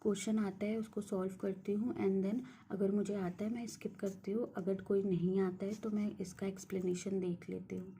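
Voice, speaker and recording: Flat, gravelly-voiced young woman. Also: medium pitch, moderate pace, hardly any pauses, slight background noise. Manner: mixes English words into Hindi, frequent hesitation fillers. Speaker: banking exam aspirant sharing study resources. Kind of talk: casual screen-share walkthrough.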